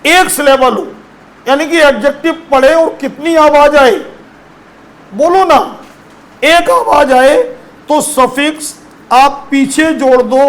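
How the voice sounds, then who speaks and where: In a classroom lesson on English grammar, a male teacher with a high voice speaks slowly and coaxingly, addressing his students as children and asking them questions. The recording is low quality.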